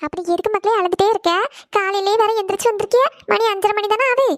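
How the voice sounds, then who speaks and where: A woman's voice: very high voice, dry recording, studio quality. A woman voicing a worried, scolding middle-aged mother in a cartoon. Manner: scolding, rapid, fussing. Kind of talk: cartoon voice acting.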